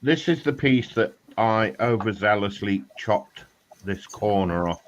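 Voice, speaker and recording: A man drawls slowly through casual chat about his model build. His voice sits low, with a dry, joking manner. Faint noise sits behind him. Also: animated, highs cut off. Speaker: hobby streamer building models. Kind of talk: casual chat while crafting.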